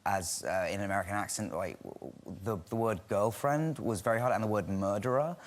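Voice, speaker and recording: A man guest on a talk show, talking quickly and cutting himself off mid-word. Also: fairly low pitch. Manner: rapid, self-interrupting. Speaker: guest actor.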